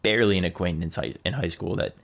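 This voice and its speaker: A young man appears as a podcast guest, telling a personal story in a loose, chatty way and leaning heavily on "like." He acts out what people said. His voice is low-pitched, creaky and a bit bright, and he talks fast.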